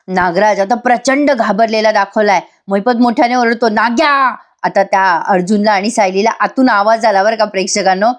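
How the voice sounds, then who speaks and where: A woman giving a voice-over review of a TV serial episode, chatty and constantly turning to her viewers. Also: medium pitch. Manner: chatty, keeps addressing viewers.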